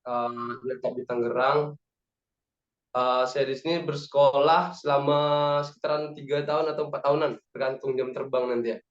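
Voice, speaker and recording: A man's voice: mid-range voice, moderate pace, roomy sound, lo-fi sound. A man in his twenties from Padang, Indonesia, giving a casual, chatty talk as a guest speaker in an online meeting and rallying his listeners. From Padang, West Sumatra, Indonesia. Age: 20s. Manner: relaxed, chatty, rallying the audience. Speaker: guest speaker, aviation cadet.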